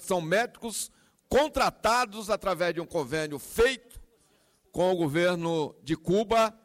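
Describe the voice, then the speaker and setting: A male legislator with a Brazilian accent speaks in a high register. His delivery is formal and emphatic, in the oratorical style of a floor speech. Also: fairly bright tone.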